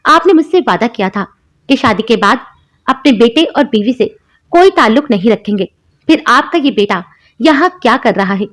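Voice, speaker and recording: A woman's voice: a little high, lively intonation, normal speed. Woman doing a cold jealous stepmother, accusing, cartoon story.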